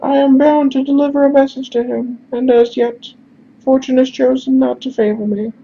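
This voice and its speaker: A squeaky overly polite messenger. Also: male voice, level tone, moderate pace, creaky, dark tone, highs cut off, heavily acted. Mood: pleading courtesy. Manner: overly courteous, flowery. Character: high-voiced polite male messenger, anxious.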